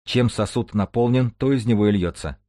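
A man reading an audiobook, voicing a calm, reserved surgeon who speaks dryly. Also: lowish voice, fairly quick, no room sound, pitched above the performer's own voice, natural voice. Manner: calm and dry.

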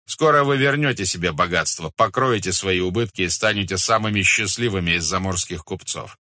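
Dude reading proud khan, slow and bossy, low voice, dry recording. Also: male voice, sharp tone, no room sound. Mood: lordly. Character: haughty, amused young male Mongol khan. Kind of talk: audiobook character voice.

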